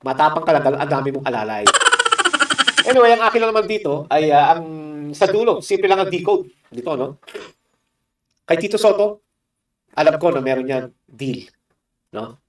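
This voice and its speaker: A man's voice: fairly high pitch, animated, moderate pace, pauses often, roomy sound, distant mic, slight background noise. A man from the Philippines giving heated political commentary, combative and mocking, with constant rhetorical asides.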